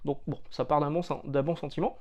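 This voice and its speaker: A man's voice: fairly high pitch, fairly even intonation, quick pace. A man from France talking casually about comics, chatty and jokey, with lots of hesitant fillers. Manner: jokey, loose slang. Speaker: comics reviewer.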